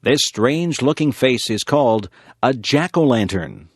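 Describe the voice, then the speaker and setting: A man with an American accent reads scripted narration for a learners' lesson, slow and clear. His pitch is lively and sing-song, and the sound is dry and close-miked with no room sound.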